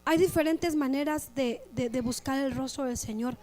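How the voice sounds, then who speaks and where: Woman pastor, high voice, lively preacher who slips into quick character asides. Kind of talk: sermon.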